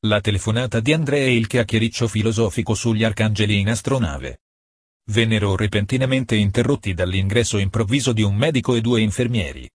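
A man reading a novel aloud as an audiobook in a steady, matter-of-fact way. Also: fairly low pitch, fairly quick, slightly rough, dry recording, clean studio sound. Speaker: audiobook narrator. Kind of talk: scripted audiobook narration.

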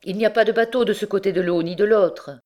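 A woman's voice: mid-range voice, fast talker, mellow, voice pushed up, close to an everyday voice. A woman reading an audiobook, voicing a suspicious male soldier who probes with smug remarks. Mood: probing.

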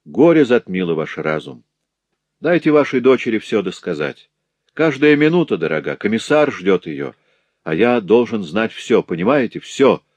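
A man voicing a calm, authoritative gentleman who speaks firmly but with compassion. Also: lowish voice, moderate pace, dry recording.

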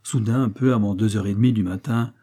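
A man narrating an audiobook in a measured, dramatic reading. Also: lowish voice, steady tone, dark tone.

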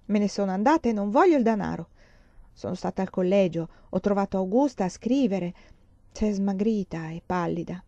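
An impulsive young woman pours out her feelings in a letter, read aloud by a woman. The voice is mellow and slightly lo-fi. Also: mid-range voice, lively intonation, normal speed, dry recording, close to an everyday voice. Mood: emotional.

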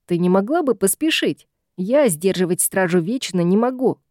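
A grim, fanged troll guard from a fantasy audiobook, snapping impatient orders, voiced by a woman narrator. The voice stays mellow in tone rather than harsh. It is recorded close and dry. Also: mid-range voice, expressive, moderate pace, no room sound, close to an everyday voice. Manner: barking, impatient shouts.

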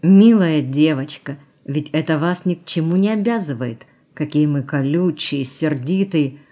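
A woman's voice: sits low, unhurried, dark tone. A woman voicing a cynical, worldly society woman who teases and coaxes, in an audiobook. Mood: coaxing. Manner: teasing, mocking, coaxing. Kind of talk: audiobook character reading.

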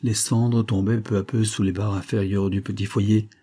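Low, husky male audiobook narrator. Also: level tone, normal speed, warm tone. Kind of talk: scripted narration of a classic novel.

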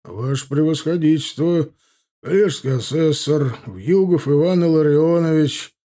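A grey-haired provincial official, booming, bustling and effusively servile, as a male audiobook narrator puts him on. His voice is loud and mellow, with a husky edge. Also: measured pace.

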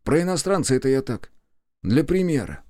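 A man's voice: mid-range voice, big pitch swings, brisk, warm tone, no room sound, clean studio sound, pitched above the performer's own voice, natural voice. A man voicing a touchy, newly rich friend who speaks curtly and takes offence easily in an audiobook. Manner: curt, hissing, easily offended.

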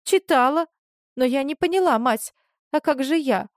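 A woman's voice: high voice, animated, normal speed, no echo, studio quality, voice pushed up. A woman voicing a desperate young woman who pleads with her former lover. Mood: pleading desperate. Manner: pleading, breathless.

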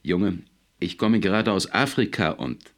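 A man's voice: low-pitched, animated, unhurried, pitched above the performer's own voice. A man voicing a chubby, cigar-chewing talent scout who talks eagerly and boastfully.

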